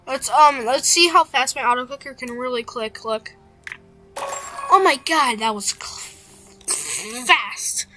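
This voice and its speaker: A woman's voice: sits high, slow pace, long pauses, pushed and bright, faint music behind. A woman live-streaming a game in casual, playful chatter, making silly sound noises as she plays, on a built-in device mic. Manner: playful, makes silly "bop bop" noises while playing. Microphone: built-in device mic, no headset mic.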